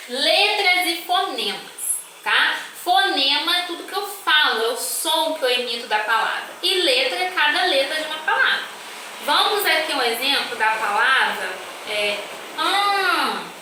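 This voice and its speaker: A woman's voice: high-pitched, lively intonation, pushed and bright. A Brazilian woman teacher explaining a lesson patiently to young children, drawing out her words and checking in often. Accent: Brazilian Portuguese. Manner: patient, drawn-out syllables, checks in with "tá?". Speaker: primary school teacher. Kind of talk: slow, careful classroom explanation. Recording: echoey room, far from the mic, faint background noise.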